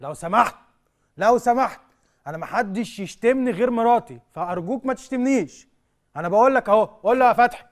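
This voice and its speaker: An actor with an Egyptian accent playing an insistent customer who keeps demanding an explanation in a comedy sketch. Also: male voice, extremely high pitch, expressive, quick pace. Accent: Egyptian Arabic. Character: exasperated male customer demanding answers.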